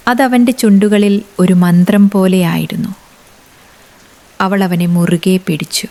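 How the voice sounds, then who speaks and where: A woman reading a romance story aloud as scripted narration, with a measured, unhurried delivery. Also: mid-range voice, a little mellow.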